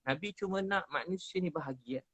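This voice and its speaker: A man speaking Malay with a Malaysian accent, a preacher giving earnest religious advice in conversation, repeating prayer lines slowly and softly. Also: on the high side, husky, poor audio.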